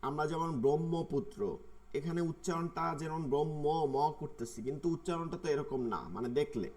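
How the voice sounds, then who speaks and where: A man, teaching an online tajweed class and patiently repeating words slowly to show their pronunciation. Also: fairly high pitch, darkish tone. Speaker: Quran recitation teacher.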